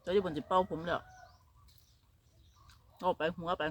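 A woman's voice: fairly low pitch, fairly even intonation, moderate pace, a little hiss or hum. An older woman from northeastern Thailand with an Isan Thai accent, chatting casually in a vlog and mixing in broken English phrases. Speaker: vlogger. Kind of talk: casual chat.

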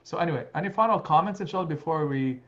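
A man in his forties guides an online study session from his home office, speaking earnestly and gently while weaving in Arabic religious phrases. His voice sits on the high side for a man. The webcam audio comes through dull and muffled. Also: very fast. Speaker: imam teaching a study circle. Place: home study with lamp and bookshelf. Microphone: video call webcam.

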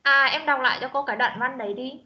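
A woman teaching an online English class, drilling pronunciation and repeating words slowly in a stern way. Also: high-pitched. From Vietnam. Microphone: video call. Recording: muffled online meeting audio.

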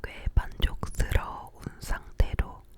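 A young woman leans in close to whisper a casual ASMR chat about her daily life. Her soft, unhurried murmurs are picked up by an ear-to-ear microphone near her mouth in her living room at home.

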